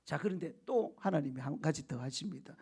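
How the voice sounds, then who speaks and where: Male pastor, high gravelly voice, animated sermon with call-and-response. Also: a little fast. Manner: animated storytelling with shouted quotes and laughter; keeps prompting the congregation for answers.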